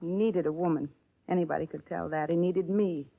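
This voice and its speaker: In a 1950s radio drama, an actress plays a middle-aged woman suspect whose fairly low, gravelly voice moves briskly. Defensive, she denies everything before breaking into a flat confession to murder, heard through a narrow, phone-like old radio transcription.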